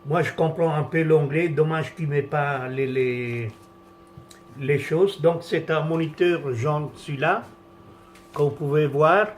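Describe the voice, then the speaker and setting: This is a slow, fairly high male voice. An Italian-first-language vlogger gives a casual product tutorial on a camera monitor setup, speaking hesitantly with lots of fillers and do-overs.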